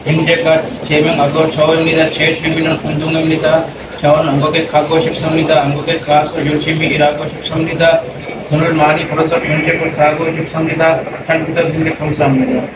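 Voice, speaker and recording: A young man in his twenties recites a memorized introduction in a very flat voice. He is heard from afar in an echoey room with heavy background noise. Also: on the high side, normal speed. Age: 20s. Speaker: skill test candidate. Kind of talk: rehearsed self-introduction. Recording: echoey room, distant mic, loud noise.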